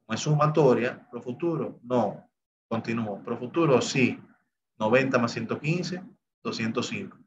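A man's voice: medium pitch, normal speed, lo-fi sound, slight background noise. A man teaching a recorded spreadsheet class, explaining each step and often saying "bien" and "entonces" as he moves on. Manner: talks through each step of what the software does. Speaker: Excel instructor. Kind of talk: recorded screen-share lesson.

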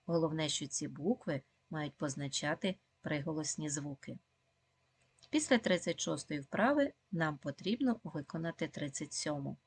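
Low, husky woman teaching young children. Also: no echo. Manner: slow, clear, encouraging, with frequent praise and questions to pupils. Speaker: primary school teacher. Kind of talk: video lesson for second graders.

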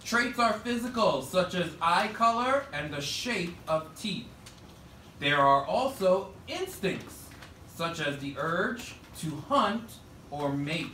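Slowly and expressively, a man with a high voice and sharp tone instructs his third grade class. His delivery is projected and directive, built on short prompts and call-and-response. A distant camera at the back of the indoor school classroom captures it, echoey and with faint noise.

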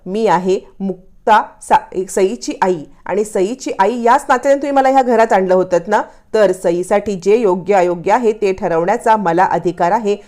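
A woman's voice: mid-range voice, normal speed, hardly any pauses, mellow, close to an everyday voice. A woman voicing a protective young mother in a drama recap, earnest and insistent. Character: firm, protective young stepmother.

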